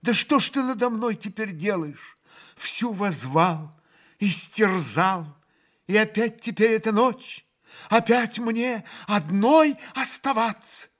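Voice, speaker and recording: A man's voice: high voice, slow, a bit bright, voice pushed up. A man reading aloud and voicing a passionate young woman who lurches between fury and tears, with hysterical cries. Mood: anguished frenzy. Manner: hysterical outbursts, bitter and sobbing.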